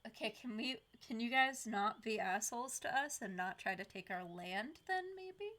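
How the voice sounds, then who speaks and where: A woman's voice: on the high side, expressive, moderate pace, fairly bright tone. A woman giving casual, blunt, joking commentary while playing through a video game.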